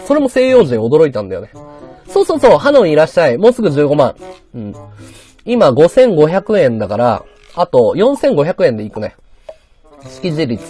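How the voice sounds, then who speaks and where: A man's voice: a little high, dark tone. A man chatting on a live stream, lecturing in a rambling way and answering viewer comments. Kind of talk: casual livestream chat reading viewer comments.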